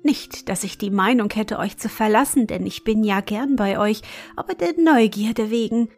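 Lady reading a young girl sweet-talking, slow and a little high. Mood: coaxing. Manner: flattering, pleading.

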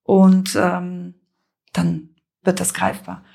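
A woman coach and mediator calmly explaining a method step by step in conversation, with measured pauses. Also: fairly low pitch, gravelly.

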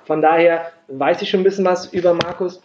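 Guy hosting a podcast, kinda higher voice, lots of ums, roomy echoey sound, bit dull and lo-fi. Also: fairly even intonation, fairly quick. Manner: hesitant, many fillers and restarts. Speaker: podcast host. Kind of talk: casual interview. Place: workshop in a city. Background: production noise.

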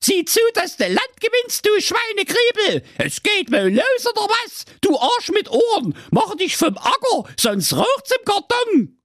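A man voicing a furious, foul-mouthed old mother goat in a comic storybook tale, scolding in a shrill voice. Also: big pitch swings, unhurried, a bit bright, no room sound, clean studio sound, full character voice. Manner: shrieking, scolding.

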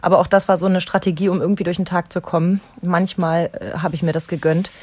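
A woman's voice: fairly low pitch, steady tone, fast talker, dark tone. A woman chatting casually in German, telling stories about herself with self-mocking humor and laughter. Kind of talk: casual chat.

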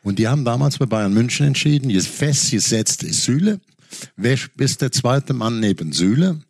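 A man's voice: medium pitch, big pitch swings, normal speed, creaky, darkish tone, no echo. A man talking football as a pundit in a casual studio chat, rambling through tactical analysis with many asides.

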